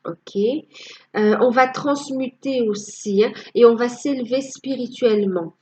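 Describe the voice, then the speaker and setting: A woman's voice: on the high side, slow, darkish tone, husky, low-quality recording. A woman giving a casual tarot reading to her viewers, hesitant and full of fillers. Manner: hesitant, many fillers, tags with "hein". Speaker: tarot card reader.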